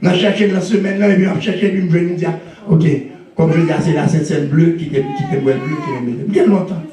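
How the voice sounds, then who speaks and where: A male pastor with a Haitian accent preaching a sermon with call-and-response and frequent shouts. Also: fairly high pitch, fairly even intonation, brisk. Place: church sanctuary. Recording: echoey church recorded from a distance.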